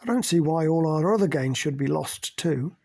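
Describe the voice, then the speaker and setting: Guy doing an indignant woman in an audiobook, bites back, dismissive, husky. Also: fairly high pitch, expressive, normal speed, mellow. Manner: defensive, dismissive. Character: indignant feminist woman, prickly and sneering.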